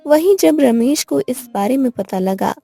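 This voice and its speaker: A woman narrating an animated family story in a plain storytelling manner. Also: high-pitched, a little slow, gravelly, slightly rough, faint music behind.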